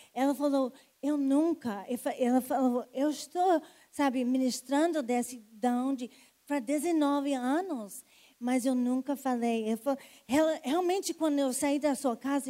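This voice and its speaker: A high-pitched, dark-toned female preacher recounts how someone was healed. Storytelling gives way to an altar call, and her energy mounts as she invites listeners to come forward for prayer.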